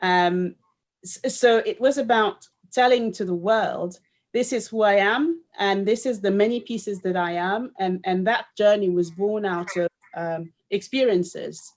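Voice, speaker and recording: A raised woman historian speaks in a reflective conversational way, pausing often with fillers as she builds her ideas. Her voice sits at a middle pitch. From Cameroon, raised in Paris. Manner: thoughtful, searching for words with fillers. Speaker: historian and author. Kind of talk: conversational discussion.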